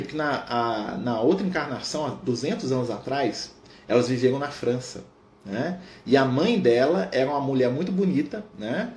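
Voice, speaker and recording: A man leading a Spiritist study, telling a story in an animated way and tagging almost every phrase with a questioning "right?". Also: on the high side. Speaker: Spiritist study group leader. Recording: echoey room with faint noise.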